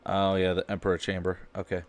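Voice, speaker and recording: A man's voice: low voice, completely flat delivery, fast talker. A man casually commenting to himself while playing a game, offhand and muttering. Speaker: gaming streamer.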